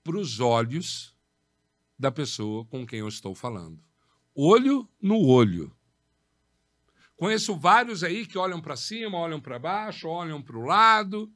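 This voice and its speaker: A man hosts a podcast and gives a lesson on public speaking. His voice sits fairly high and moves with very animated swings, and he stresses key words again and again. The sound is dry and close, as in a small studio. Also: unhurried, no echo. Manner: emphatic, repeats key words, asks and answers his own questions. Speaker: podcast host. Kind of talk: instructive talk on public speaking.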